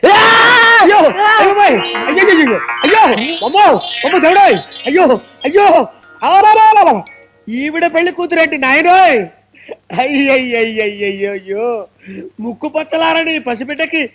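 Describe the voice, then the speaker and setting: A wailing, panicky priest. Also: male voice, extremely high pitch, fairly quick, fairly bright tone, faint music behind. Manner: melodramatic wailing and lamenting. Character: panicky, wailing temple priest, middle-aged. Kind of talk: film comedy dialogue.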